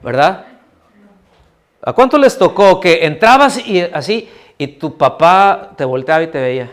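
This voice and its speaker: Pastor preaching conversationally, fairly high voice. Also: male voice, lively intonation, a little slow. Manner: conversational preaching, asks the audience questions, acts out quoted voices. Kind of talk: sermon. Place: church hall.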